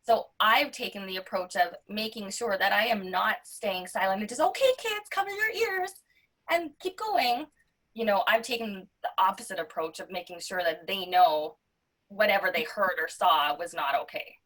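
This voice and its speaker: A woman's voice: mid-range voice, steady tone, moderate pace, bright, forceful tone, far from the mic, low-quality recording. A woman on a video call speaking firmly and directly as a parent panelist. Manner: firm and direct. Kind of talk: virtual panel discussion.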